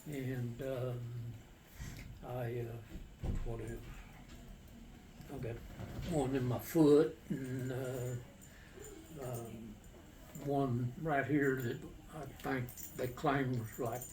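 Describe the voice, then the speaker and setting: An older man, a war veteran, casually recounting his memories in a halting, matter-of-fact, plain-spoken way. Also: medium pitch, fairly even intonation, a little mellow. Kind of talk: casual personal storytelling. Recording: distant mic with faint background noise.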